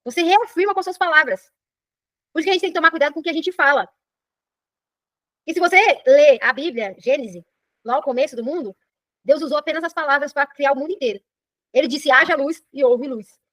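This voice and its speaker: A woman's voice: sits high, fast, pauses often, no room sound. A middle-aged woman with a Brazilian Portuguese accent, teaching a personal development class and often checking in with her listeners. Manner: animated, keeps checking in with "entendeu?". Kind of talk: live online class talk.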